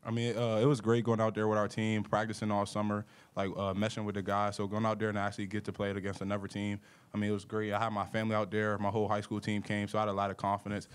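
A man's voice: on the low side, monotone, fast, smooth. A young man, a college basketball player, answering reporters in a casual, upbeat way at a postgame press conference table mic. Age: young adult. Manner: upbeat, casual, uses "like" and "I mean".

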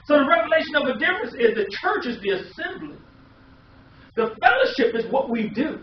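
With extremely high pitch, big pitch swings and a slightly fast pace, a middle-aged American man preaches emphatically, using repeated phrases and rhetorical questions. He's captured in a small indoor room by a distant camera microphone, giving echoey, muffled audio with hiss.

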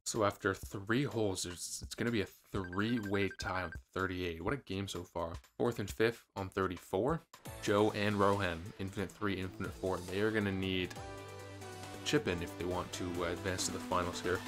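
A man's voice: sits low, steady tone, normal speed, fairly bright tone. A man giving chatty, upbeat play-by-play commentary on his own game, with some gamer slang. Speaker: gaming channel host. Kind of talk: casual gameplay commentary. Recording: game music behind voice. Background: game music.

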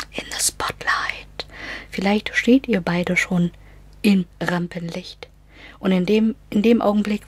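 Woman, casual astrology reading, often whispering, repeats herself, unhurried. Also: on the low side, slightly rough, dry recording. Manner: repeats words, switches into English phrases. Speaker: astrology and card reader. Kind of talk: casual spiritual reading for an online audience.

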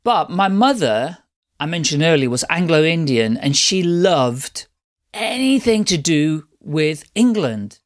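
A man's voice: fairly high pitch, very animated, slow. A middle-aged man from the Netherlands, a podcast guest chatting at length about his life in a rambling, restarting way. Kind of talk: casual interview storytelling.

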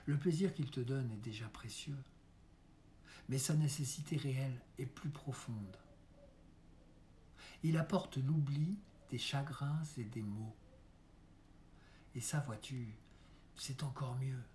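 A man reading the part of an aging male stage mime who coaches his son before a first performance, earnest and coaxing, with soft hushed asides. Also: mid-range voice, slow, pauses often, slight background noise, natural voice. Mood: coaxing mentor. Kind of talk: dramatic monologue reading.

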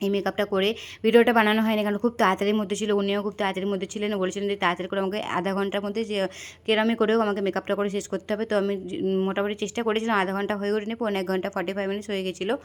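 A woman's voice: medium pitch, level tone, rapid-fire. A young woman vlogging in a chatty, rambling way, filming on a phone outdoors near a station at night. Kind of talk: casual vlog narration.

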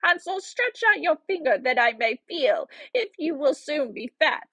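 A woman's voice: sits high, sing-song, measured pace, bright, forceful tone, no room sound, pitched above the performer's own voice, full character voice. A woman voicing a wicked old witch in a storybook, cruel and mocking, scolding and giving orders. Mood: impatient, scolding. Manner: scolding, commanding.

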